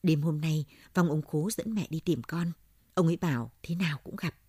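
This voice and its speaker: A frail old woman lost in grief rambles and repeats herself, bewildered, in a storybook reading by a woman narrator. The voice sits low and husky with a dark, muffled tone. The recording is close and dry. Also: normal speed, no echo. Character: dazed grieving old village woman.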